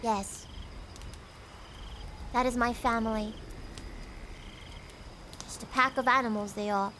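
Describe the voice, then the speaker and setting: Young American woman, high-pitched, bubbly and giggly, casual stream host talking to chat at home. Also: fairly even intonation, takes it slowly, bright, forceful tone, slight background noise. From United States. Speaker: VTuber streamer and singer.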